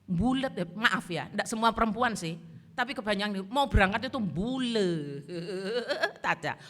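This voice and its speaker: A woman pastor preaching a church sermon, telling stories in a lively way and mixing in phrases. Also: mid-range voice, a little slow. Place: church service. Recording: long church-hall reverb.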